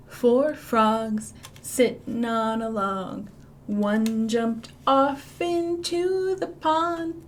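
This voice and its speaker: A children's librarian with a Midwestern American accent leads storytime, singing songs and reading aloud. Her fairly high voice is playful and sing-song, punctuated by dramatic whispers.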